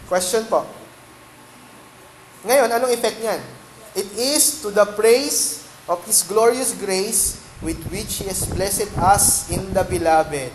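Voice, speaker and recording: A Filipino man preaching as a pastor, often asking the congregation questions and mixing English phrases into his talk. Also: fairly high pitch. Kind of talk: sermon. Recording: echoey room with background noise.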